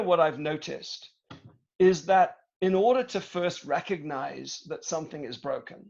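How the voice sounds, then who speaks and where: A middle-aged British man giving a storytelling talk to students over a video call, measured and reflective, with frequent hesitations. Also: a little high, gravelly, dull audio. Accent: British English. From Britain. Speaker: guest speaker, tech executive.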